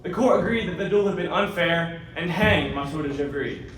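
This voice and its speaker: An actor playing an impassioned young lawyer who talks earnestly and insistently. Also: male voice, a little high, normal speed, fairly bright tone, close to an everyday voice. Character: young man, an impassioned lawyer demanding justice. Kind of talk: radio drama acting. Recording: echoey, distant, faint noise.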